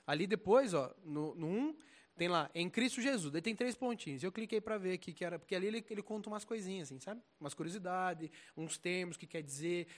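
Young Brazilian male preacher, high voice, slangy and animated, shifting loud to soft. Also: a little fast. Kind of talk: casual slangy sermon.

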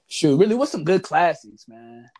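A man's voice: a little high, normal speed, a little hiss or hum. A man co-hosting a casual podcast chat, slangy and laughing often. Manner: loud laughing, slangy, animated. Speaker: podcast co-host.

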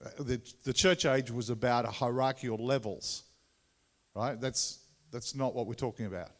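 A man's voice: mid-range voice, a bit bright. Tassie accent aussie guy preaching casually, stop-start delivery, big echoey hall reverb. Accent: Tasmanian Australian. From Tasmania, Australia. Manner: halting, conversational, repeats words. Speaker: visiting preacher. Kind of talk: informal sermon to a congregation. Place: large room or hall, speaking to a congregation.

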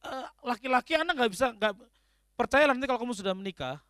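Animated high-voiced man with speech. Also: quick pace, smooth, no echo, clean studio sound. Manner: animated, joking, acts out quoted people. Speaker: speaker addressing a congregation. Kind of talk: humorous sermon-style talk.

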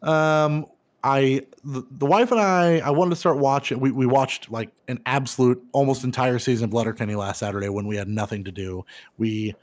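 A man's voice: medium pitch, moderate pace. Laid-back swearing man on a podcast. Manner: laid-back, swears freely, gets loud and animated retelling funny scenes. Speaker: podcast co-host. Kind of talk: casual chat.

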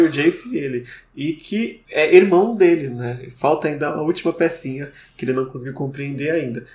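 A man co-hosting a podcast, chatty and wry as he talks through a book's plot. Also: a little high. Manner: chatty, wry asides, frequent "né". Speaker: podcast co-host discussing a book. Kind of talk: casual book discussion. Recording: roomy echo.

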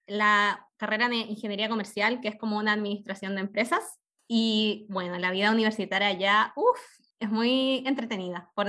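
A young woman from northern Chile with a Chilean accent, speaking as a guest in a radio interview and pausing often to choose her words. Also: mid-range voice, bright, forceful tone. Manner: thoughtful, with frequent fillers and self-corrections. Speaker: podcast host interviewed as guest.

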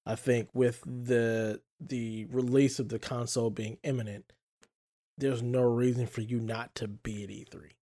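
Male podcast host, easygoing and chatty, medium pitch. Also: little pitch movement, a little slow, mellow. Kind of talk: casual podcast chat.

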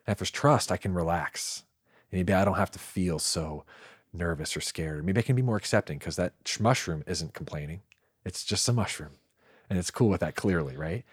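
Deep-voiced man with casual bro talk. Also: normal speed, slightly rough, dry recording, studio quality. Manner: laid-back bro talk, peppered with dude, man and like. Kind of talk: casual, enthusiastic chat.

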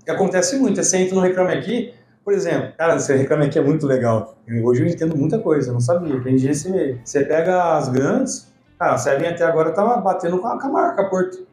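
A man with a slightly high voice talks very quickly in a casual podcast chat. He tells stories with animation and acts out the voices in them. The studio sounds echoey, with a faint hiss behind him. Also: soft background music. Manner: animated storyteller acting out dialogue. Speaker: insurance broker guest.

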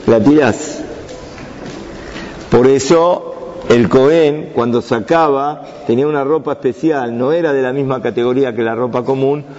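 A man's voice: medium pitch, a little mellow. A man teaching a Torah lesson to young students, asking the class questions and answering them himself. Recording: dull sound with long reverb.

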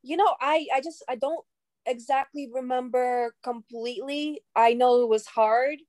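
A woman from Russia, a native Russian speaker, talks as a guest on a casual podcast. She speaks reflectively and pauses to search for words, in a slightly high voice. The sound is close and dry. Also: darkish tone, no room sound.

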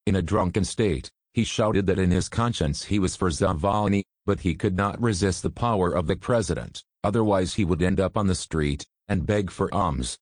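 Guy reading a story out, really low voice, dry sound. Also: normal speed, hardly any pauses, a little mellow, dry recording. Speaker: narrator. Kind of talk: scripted story narration.

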